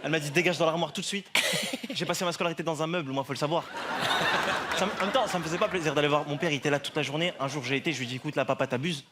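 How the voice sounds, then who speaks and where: A male stand-up comedian telling a story on a TV studio stage in an animated, chatty way, laughing along as he goes. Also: on the high side, racing. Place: TV studio stage with live audience. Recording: loud audience laughter and noise.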